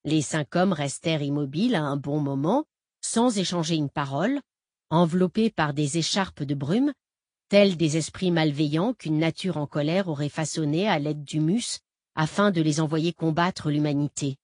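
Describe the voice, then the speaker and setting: A woman reading a novel aloud in steady, measured scripted narration. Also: low voice, no room sound, studio quality. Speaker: audiobook narrator.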